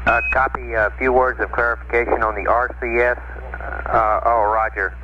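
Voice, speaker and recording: A man's voice: mid-range voice, flat delivery, moderate pace. A man working as a mission-control communicator, speaking matter-of-fact procedural radio talk over a transmission. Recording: noisy, narrow-band archival space radio link. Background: loud radio static and noise.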